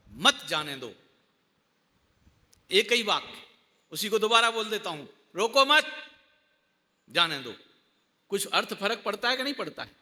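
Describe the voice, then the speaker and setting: A man's voice: sits high, pushed and bright. A man giving a religious discourse to a class as a Jain teacher. He keeps asking his listeners questions and repeats key words for emphasis. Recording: long hall reverb.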